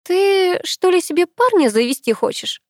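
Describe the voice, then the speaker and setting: A woman reading an audiobook who voices a sharp-tongued, flustered young woman with raised, exclamatory lines. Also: very high-pitched, very animated, normal speed, no echo, studio quality, pitched above the performer's own voice. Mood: mocking. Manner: loud, mocking, exclamatory.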